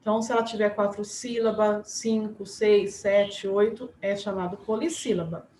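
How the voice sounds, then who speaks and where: A woman teacher giving a remote class to young pupils, slow and patient, spelling words out syllable by syllable. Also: medium pitch, fairly even intonation, a little mellow. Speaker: primary school teacher. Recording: echoey room, faint background noise.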